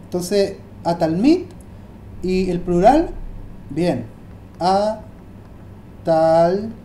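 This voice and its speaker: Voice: medium pitch, animated, very slow, dark tone, echoey room, slight background noise. A Hebrew teacher gives a language lesson, often hesitating and repeating words while thinking aloud.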